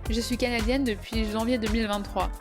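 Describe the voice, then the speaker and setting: With music playing in the background, a French podcast host from southeast France talks briskly in a fairly high, steady voice. She is friendly and conversational, chatting casually and hesitating often.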